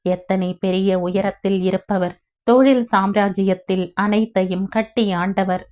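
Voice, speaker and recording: Woman audiobook narrator, very slow and even, slightly muffled sound. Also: mid-range voice. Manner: measured, even reading. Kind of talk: scripted story narration.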